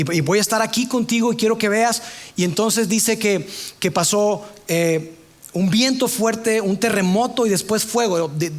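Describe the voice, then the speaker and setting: Earnest high-voiced preacher man. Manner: earnest, drops to a soft hush for tender passages. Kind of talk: sermon.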